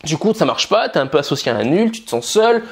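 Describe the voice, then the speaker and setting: A man's voice: fairly high pitch, big pitch swings, quick pace, breathy edge. A man from France giving casual, blunt style and dating advice straight to the camera, swearing freely and calling the viewer buddy.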